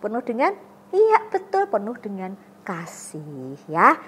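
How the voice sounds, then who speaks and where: A woman's voice: mid-range voice, wildly swooping pitch, unhurried, fairly bright tone, slight background noise. A young woman teaching an online Sunday-school lesson, telling a Bible story to children and asking them questions she answers herself.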